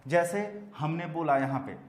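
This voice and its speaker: A man's voice: a little high, steady tone, normal speed, reverberant. A man teaching English grammar with an Indian accent. He repeats terms for emphasis and calls his students children. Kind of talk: classroom lecture.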